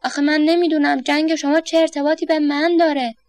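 A woman's voice: sits high, level tone, darkish tone, dry recording, pitched above the performer's own voice. A woman voicing an exasperated homebody man. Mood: outraged. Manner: exasperated, sarcastic complaining. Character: flustered middle-aged man alone at home.

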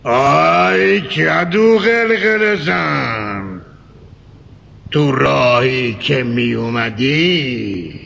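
A man voicing a big bossy male leopard in a children's audio story, calling out loudly with a gravelly voice. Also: mid-range voice, lively intonation, lo-fi sound, a little hiss or hum, exaggerated voice. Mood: demanding. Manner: loud, drawn-out, bossy. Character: huge boastful male leopard.

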